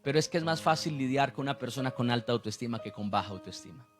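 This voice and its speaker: A man's voice: medium pitch, animated, quick pace, soft background music. A man, preaching a sermon as a pastor, who acts out the people he quotes.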